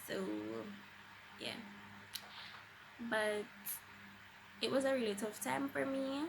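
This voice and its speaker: A woman's voice: high-pitched, steady tone, takes it slowly, gravelly, noisy background. A young adult woman with a Jamaican accent, chatting casually and expressively as a vlogger telling a personal story, with emphatic conversational delivery.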